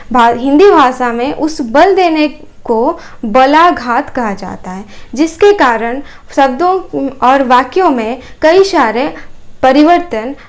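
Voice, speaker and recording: A woman teacher with an Odia accent, whose first language is Odia, explaining grammar with examples and fillers. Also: sits high. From Odisha, India. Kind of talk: grammar lesson.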